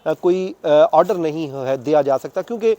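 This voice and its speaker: A man with a Pakistani accent, working as a court reporter, gives an unscripted, conversational news account, recounting events step by step in detail with English legal terms mixed in. His voice sits on the high side, mellow, with lively intonation and normal speed. The audio is dull.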